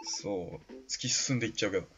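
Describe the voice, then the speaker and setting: Chatty gaming guy, lots of laughing, lively bright voice, slightly muffled audio w faint music. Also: lowish voice, fast talker, a little hiss or hum. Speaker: let's play commentator. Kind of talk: casual gameplay commentary. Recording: slightly dull lo-fi recording with faint game music.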